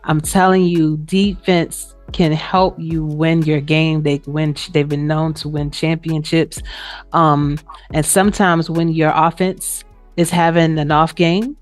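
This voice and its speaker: Her low voice stays flat and slow as this player and co-host of a sports league show chats through a casual recap. She speaks informally, letting sentences drift off with "you know." The recording has a roomy echo, with music behind her.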